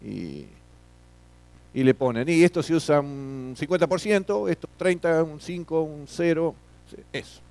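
A man's voice: on the high side, lively intonation, unhurried, darkish tone. Man lecturing a class, tag questions. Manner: frequent tag questions, repeats words. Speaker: teacher.

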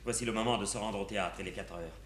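An actor playing a suave, mock-pious playwright and secret suitor in a classic French stage comedy, declaiming theatrically. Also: male voice, lowish voice, fast talker, fairly bright tone, lightly acted. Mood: brisk. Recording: echoey room, faint noise.

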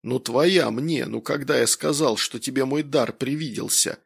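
Guy doing a brash drinking buddy, loud and blunt, raspy voice. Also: mid-range voice, moderate pace. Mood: angry. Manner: boisterous, blunt. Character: brash hard-drinking middle-aged man.

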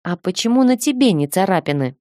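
A woman's voice: mid-range voice, expressive, fairly quick, a little mellow, no room sound, studio quality, lightly acted. Woman reading as a hot-tempered arrogant man. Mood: hostile. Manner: rude, threatening outbursts. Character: arrogant male film director, hot-tempered and threatening.

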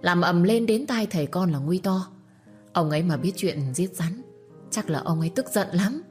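A woman's voice: lowish voice, lively intonation, normal speed, a little mellow, soft background music, close to an everyday voice. A woman voicing a domineering older matriarch of a wealthy household, speaking in a commanding, menacing way. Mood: placating. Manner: menacing, commanding, later placating. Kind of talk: storytelling with acted dialogue.

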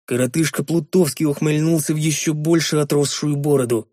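A man reading a story aloud as audiobook narration, measured and even. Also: on the high side, no room sound, clean studio sound. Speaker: audiobook reader. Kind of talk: scripted narration.

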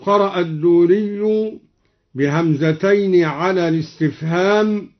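A high-voiced man explains and intones examples at a deliberate, unhurried pace. The sound is muffled and dull, like an archival radio tape. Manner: slow, measured, intoning quoted verses. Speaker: teacher of recitation readings. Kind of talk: explaining readings and reciting examples.

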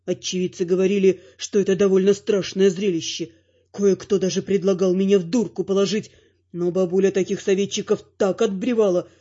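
A man reading a first-person audiobook with lively, emotional storytelling. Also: high-pitched, a little fast, dull audio. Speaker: audiobook narrator.

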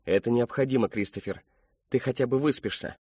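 A man voicing an anxious, worn-out young mother who coaxes and strains to stay calm, in a slightly muffled audiobook. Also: mid-range voice, fairly quick, husky, no room sound, natural voice. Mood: snapping. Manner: coaxing, strained.

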